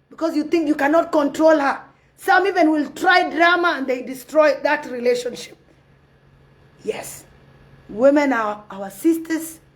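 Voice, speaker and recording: A woman from Sudan, giving passionate, preachy commentary on a live phone video and repeating her points. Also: high voice. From South Sudan. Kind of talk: impassioned live-stream commentary.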